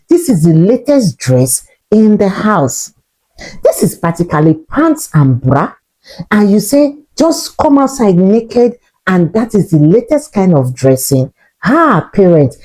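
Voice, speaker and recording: Woman, mellow lower voice with lively pitch, earnest lecturing commentary. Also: rough recording. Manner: earnest, lecturing, repeats points for emphasis. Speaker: parenting commentator. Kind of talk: casual commentary to camera.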